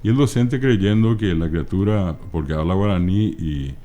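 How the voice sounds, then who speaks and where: Here is a middle-aged man from Paraguay, speaking with a Paraguayan Spanish accent and a very low voice. His tone is dark and mellow, and he talks like a teacher, breaking words apart slowly and patiently. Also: highs cut off. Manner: patient, teacherly, spells out word forms slowly. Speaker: guest, Guaraní language scholar. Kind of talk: explanatory interview talk.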